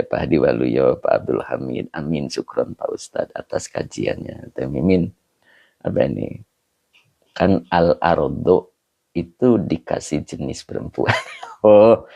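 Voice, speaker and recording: A man's voice: deep voice, vocal fry, mellow, dry recording, dull audio. A man as a religious teacher, closing his online lesson by greeting viewers and reading their comments in a chatty, laughing way, with Arabic phrases mixed in. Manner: chatty, laughing, switches between Indonesian, Javanese, Sundanese and Arabic. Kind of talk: casual livestream closing, reading comments aloud.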